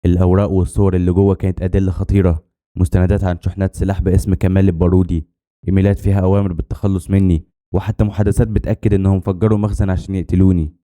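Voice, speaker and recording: A man with an Egyptian Arabic accent narrates a suspenseful first-person tale at a breakneck pace. His voice sits low and dark, mellow rather than bright, and he tells the story in a tense, dramatic way. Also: level tone, rapid-fire.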